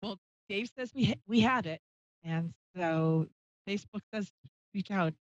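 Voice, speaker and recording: Hosting a live call-in radio program as a psychic medium, this woman speaks in a mid-range voice, a little slowly. She comes across as chatty, scattered and self-deprecating, heard through dull, roomy live stream audio.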